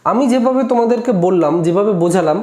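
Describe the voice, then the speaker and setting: High-voiced man teaching in an echoey room. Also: expressive, quick pace, warm tone. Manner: counts aloud step by step, checks himself. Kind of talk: classroom lesson. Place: classroom with board.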